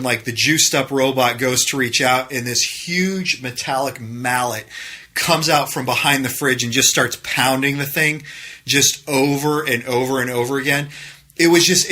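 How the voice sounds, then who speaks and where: A man's voice: mid-range voice, sharp tone. A man co-hosting a casual podcast, rambling through his stories with lots of fillers and asking his partner questions. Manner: rambling, many fillers, asks questions back. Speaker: podcast co-host. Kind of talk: casual chat.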